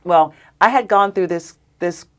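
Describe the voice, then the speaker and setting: A woman, a guest on a podcast, telling personal stories in an animated, emphatic, conversational way. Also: on the low side, a little slow. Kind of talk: conversational storytelling.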